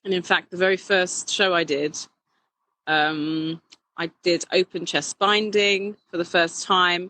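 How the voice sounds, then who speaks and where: A woman talking animatedly as an interview guest, quick to laugh and often restarting her sentences. Her voice is bright and forward, recorded dry and close. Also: on the low side, steady tone, no echo, rough recording. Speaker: drag king performer, guest. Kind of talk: casual interview chat.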